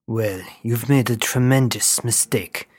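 A man's voice: medium pitch, unhurried, a little mellow, no room sound, close to an everyday voice. Stern officer guy giving short orders, dry close voice, a man reading it out. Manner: commanding, terse orders. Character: wounded adult male military lieutenant.

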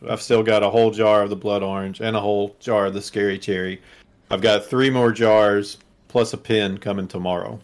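Gravelly, laid-back young man. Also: on the low side, fairly even intonation, moderate pace. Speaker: podcast co-host. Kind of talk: casual chat among friends.

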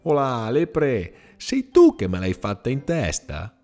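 A man voicing a small nearsighted female mole who squeaks indignant questions at the animals around her. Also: huge pitch swings, slow, darkish tone, faint music behind, exaggerated voice. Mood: indignant, questioning.

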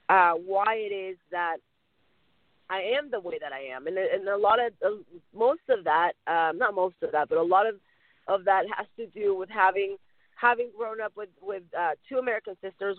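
Man from Mexico, high voice, earnest interview guest who keeps rephrasing; thin phone-line sound, dry. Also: dry recording. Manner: earnest, circling back to rephrase. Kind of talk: conversational interview answers.

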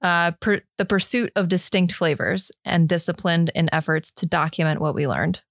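A woman's voice: fairly low pitch, steady tone, moderate pace, vocal fry, no room sound, clean studio sound. A woman hosting a podcast in an informal, self-deprecating way, moving between chat and reading from notes. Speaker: podcast host. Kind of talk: casual podcast talk about beer, partly read from notes.

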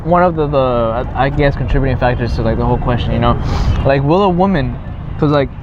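A young man talks as a casual podcast co-host in a halting, rambling way, with slang and swearing. His pitch is ordinary for a man. The sound is lo-fi and muffled, with noticeable noise in the background. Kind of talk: casual chat. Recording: muffled, clearly noisy outdoor traffic background.

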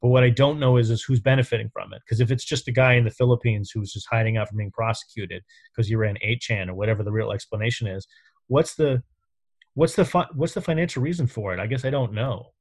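Musing podcast host from New York. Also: male voice, medium pitch, fast, slightly rough. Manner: musing, hesitant, thinks aloud. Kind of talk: casual podcast chat.

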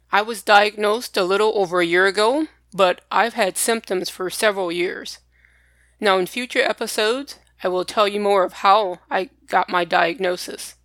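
A woman presents a podcast in a mid-pitched voice. She talks plainly and directly to her listeners, as if from prepared notes. The sound is close and dry, with very little room. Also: a bit bright, no room sound. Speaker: podcast host. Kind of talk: personal podcast talk to listeners, partly scripted.

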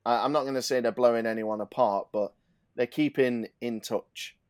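Dry-voiced emphatic English football tipster. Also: male voice, mid-range voice, steady tone, normal speed, darkish tone, clean tone, no echo. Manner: emphatic, builds lists of stats, then drops to asides. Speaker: podcast co-host, betting tipster. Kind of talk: casual football betting chat.

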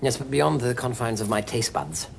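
A man's voice: medium pitch, lively intonation, moderate pace, gravelly, a little hiss or hum. An actor playing an enigmatic male time traveller who ponders aloud in a philosophical way, in a 1980s TV drama scene. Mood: brooding.

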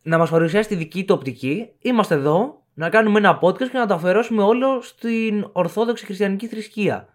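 A man co-hosting a casual podcast, making dry joking asides. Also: high voice. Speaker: podcast co-host. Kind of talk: casual chat.

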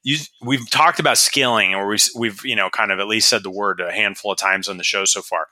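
A man hosting a podcast, asking relaxed, loosely phrased questions. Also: lowish voice, fairly quick, dry recording. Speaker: podcast host. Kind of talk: casual podcast interview.

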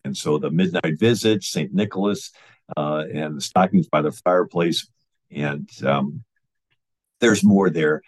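A man's voice: extremely low pitch, unhurried. A man explaining church history in an informal storytelling manner, with frequent fillers and restarts. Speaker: history lecturer.

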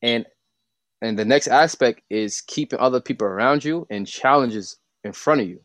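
A man's voice: medium pitch, moderate pace, no echo. Male guest entrepreneur, mid voice, earnest casual delivery, dead-dry recording. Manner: earnest, laughs often, slangy. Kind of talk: casual motivational chat.

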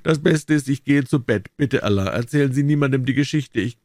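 A man's voice: medium pitch, a little fast, a little mellow, no echo, clean studio sound, pitched above the performer's own voice, lightly acted. A man voicing an earnest young man who is easily embarrassed, talking in a flustered way, in a storybook reading. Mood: dismayed.

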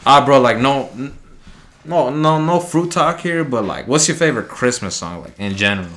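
A man's voice: mid-range voice, lively intonation, normal speed, fairly bright tone, slight background noise. A young man co-hosting a podcast, chatting casually in slangy, laid-back bro talk. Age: young adult. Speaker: podcast co-host. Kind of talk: casual chat.

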